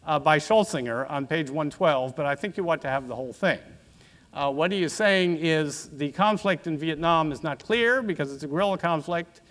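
A man in his sixties giving an academic lecture in a measured, discursive professorial manner with asides. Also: a little high, fairly bright tone. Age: 60s. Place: auditorium stage at a lectern, indoors.

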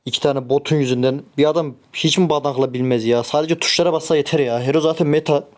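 A man giving casual, excitable commentary as he plays a mobile game, grumbling and cursing at his teammates. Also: a little high, fast. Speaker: gameplay streamer.

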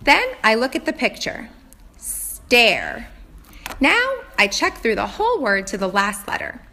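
A woman kindergarten teacher giving a reading lesson, speaking simply and deliberately as if reading to a small child, sounding out letters and words. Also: on the high side, wildly swooping pitch, pushed and bright.

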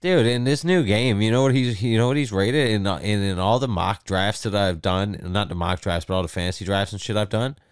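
A man's voice: on the low side, a little fast, hardly any pauses, smooth, dry recording, clean studio sound. A man co-hosting a casual sports podcast, blunt and opinionated, swearing casually. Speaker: podcast co-host.

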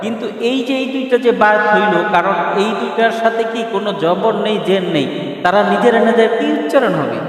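Guy teaching quran reading, answers his own questions, chants the letters, high voice, big echoey hall, far from the mic. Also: fairly quick. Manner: asks questions and answers them himself, spells letters in a chanting sing-song. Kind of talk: step-by-step recitation lesson.

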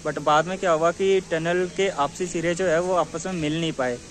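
A travel vlogger narrates a mountain toy train trip, talking like a tour guide and repeating the same filler phrase, both aboard the train and outdoors on station platforms. His voice sits a little high with a steady tone and a moderate pace. There's a faint hiss or hum in the recording.

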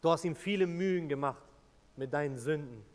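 A man's voice: fairly high pitch, a little fast. A man preaching a sermon, earnest and rising to fervent appeals to the listener. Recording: long church reverb.

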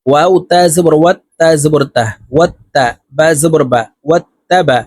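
A man teaching Quran reading, spelling out each letter and vowel, then reciting the words in a slow drawn-out chant between brisk explanations. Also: on the high side, darkish tone, no room sound.

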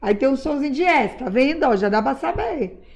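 This primary school teacher from Brazil has a high, slightly mellow voice with lively intonation. She teaches young children by patiently spelling words in slow, drawn-out syllables, using diminutives and calling herself auntie.

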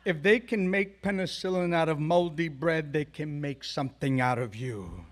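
A man voicing a blunt, deadpan male math teacher with a slow, mock-formal delivery. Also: on the high side, lightly acted.

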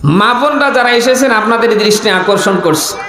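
A high-voiced man delivers an impassioned sermon. He exhorts his listeners, repeating phrases for emphasis and putting questions to them. The sound is heavily echoing, as if amplified in a big reverberant space. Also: moderate pace, crowd noise. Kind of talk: impassioned sermon addressed to a gathering, with call-and-response questions.

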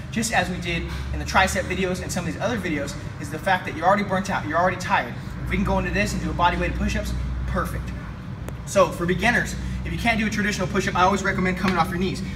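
A young fitness coach lifts in a weight room and talks through a chest workout as he goes, his high voice rapid-fire and energetic. Music plays in the background. A camera mic a few feet away picks him up, so the audio sounds distant and carries room noise.

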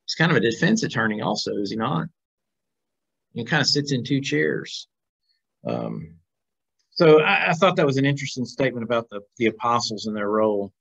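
Fairly quick and full of big pitch swings, this middle-aged man's medium-pitched voice sounds creaky and husky yet fairly bright. He reads aloud and comments conversationally in a casual Bible class held by video call, questioning the class. The small, plain indoor room and computer microphone yield dull, lo-fi sound.

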